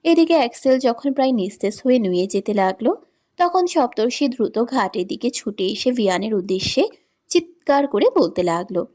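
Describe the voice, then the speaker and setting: Female narrator for a romance audiobook, slightly high voice, steady delivery. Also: fairly quick. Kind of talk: scripted storybook narration.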